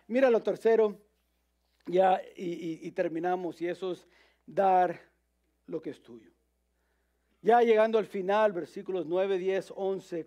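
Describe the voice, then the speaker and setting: High-voiced, gravelly man preaching. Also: mellow. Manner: storytelling, with frequent restarts and fillers. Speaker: pastor. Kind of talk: sermon.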